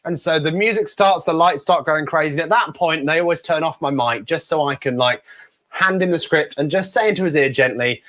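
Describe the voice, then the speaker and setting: A man from the UK, a guest ventriloquist, telling stories in a casual interview, animated and often laughing as he talks. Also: on the high side, a little fast. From United Kingdom. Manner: animated, acts out the people in his stories.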